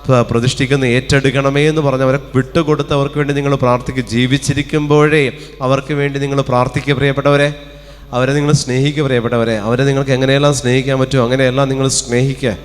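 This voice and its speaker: A man with a Kerala Malayalam accent preaching a fervent sermon at a retreat, calling out hallelujahs and firing rhetorical questions. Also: mid-range voice. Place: retreat centre hall. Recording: long hall reverb.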